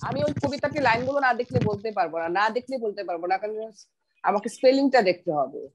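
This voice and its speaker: A woman's voice: medium pitch, lively intonation, quick pace, background noise. A middle-aged woman teaching pronunciation on a video call, patiently repeating words for her students. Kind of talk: online class, explaining pronunciation.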